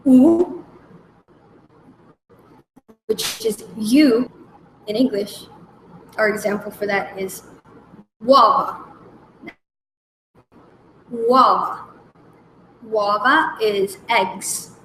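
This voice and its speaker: A woman hosting a language lesson, slowly naming each letter and repeating example words with care. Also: mid-range voice, a little hiss or hum. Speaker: language segment host. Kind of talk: slow, careful alphabet lesson. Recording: echoey room with faint background ambience.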